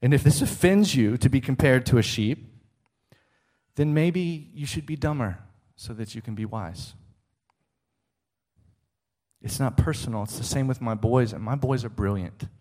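Middle-aged man, sermon, emphatic, rhetorical questions, mid-range pitch. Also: normal speed, pauses often, a little mellow. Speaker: preacher.

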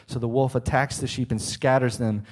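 A man's voice: medium pitch, steady tone, moderate pace. A middle-aged man preaching a sermon, emphatic and rhetorical, often checking in with the listener.

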